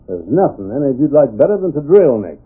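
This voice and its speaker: An actor playing a blunt, gruff frontier sheriff past his prime with an American Western drawl, in an old radio drama. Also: mid-range voice, very animated, fast talker. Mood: gruff suspicion. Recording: muffled, tinny old radio broadcast.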